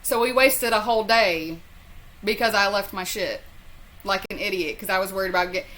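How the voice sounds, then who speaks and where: A woman with a Southern US accent and a bright, medium-pitched voice. She tells stories in a loose, rambling way, like casual vlog chat. Her talk is salty and self-deprecating. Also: normal speed, low-quality recording. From southern US, North Carolina. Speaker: storyteller vlogger. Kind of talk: casual chat, personal storytelling.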